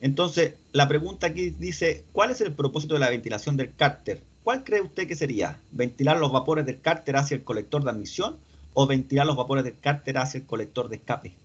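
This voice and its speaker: A man's voice: medium pitch, animated, a little fast, slightly rough. A man teaching an online mechanics lesson, explaining step by step and asking his students questions as he goes. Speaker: instructor. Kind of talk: online class lecture. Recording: dull lo-fi audio.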